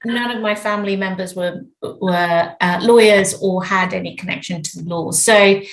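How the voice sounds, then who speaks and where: A middle-aged woman from Zimbabwe, a lawyer giving thoughtful, measured answers as a podcast guest, often restarting her phrases. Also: medium pitch, fairly even intonation, rough recording. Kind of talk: reflective interview answers.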